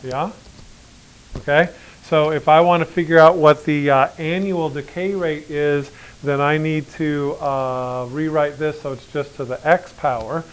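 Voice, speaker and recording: A man's voice: on the high side, steady tone, measured pace, clear, resonant tone, poor audio. A man teaching a math class, talking casually, joking and asking students questions as he works through problems. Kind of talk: classroom lecture.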